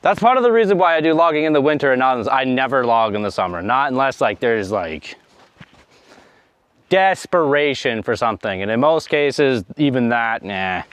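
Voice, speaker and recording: A young homestead vlogger talks casually to his action camera outdoors in a snowy yard, a little out of breath and rambling with fillers and trailing asides. His mid-range voice is expressive, a bit bright and clean, at normal speed.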